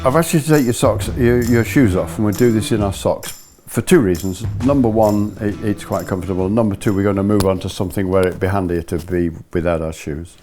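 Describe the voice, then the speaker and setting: A man's voice: lowish voice, a little fast, darkish tone, faint music behind. An older man giving a hands-on lesson to a small group as a ski instructor, explaining patiently and methodically and repeating key points. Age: older, about 70s. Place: living room, indoors.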